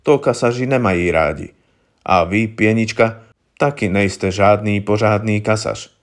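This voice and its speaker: A man reading aloud, voicing a shrewd older police inspector who speaks calmly with dry irony. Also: on the low side, natural voice. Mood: lecturing.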